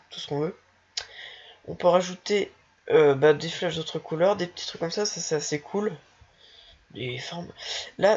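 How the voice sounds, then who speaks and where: A speaker casually walking through a software tutorial while thinking aloud, hesitant and self-mocking. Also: mid-range voice, vocal fry, breathy edge. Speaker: tutorial maker. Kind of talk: casual screen-recorded software walkthrough. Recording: dull lo-fi home recording.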